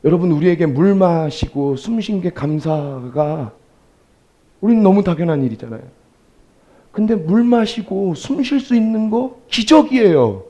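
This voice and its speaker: High, lively-voiced Korean pastor. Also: male voice, a little slow. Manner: swings from soft storytelling to loud emphatic exclamations; addresses congregation directly, asks rhetorical questions. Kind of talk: sermon.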